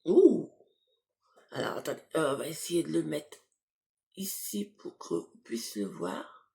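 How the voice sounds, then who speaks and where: A woman's voice: low-pitched, big pitch swings, slow pace, creaky, mellow. A woman casually chatting to her viewers while unboxing beauty products, hesitant, with many fillers and restarts, laughing at herself. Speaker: beauty box unboxing vlogger.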